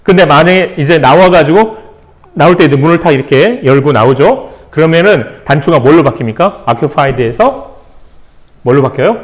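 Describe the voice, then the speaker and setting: A man's voice: a little high, animated, moderate pace. A man teaching English vocabulary in Korean, spelling words out letter by letter and asking rhetorical questions with playful asides. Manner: playful asides and little jokes. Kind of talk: classroom-style vocabulary lesson.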